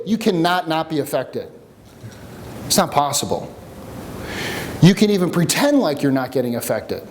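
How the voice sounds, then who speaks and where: A man coaching a workshop group, teaching with jokes and a personal story in an animated way. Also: fairly high pitch, a little hiss or hum. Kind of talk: seminar teaching with stories. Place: room with a live audience.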